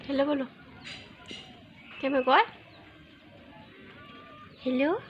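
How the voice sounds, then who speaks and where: A woman's voice: high-pitched, slow, highs cut off, slight background noise. A mother with a coaxes her toddler at home, repeating short sing-song prompts into a phone camera. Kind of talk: casual home vlog, coaxing baby talk.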